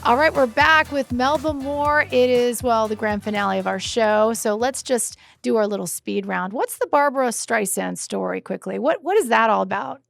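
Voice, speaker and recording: Effusive woman podcast host, gravelly voice. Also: a little high, normal speed, hardly any pauses, a bit bright, no echo, faint music behind. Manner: effusive, exclamatory. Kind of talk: casual interview chat.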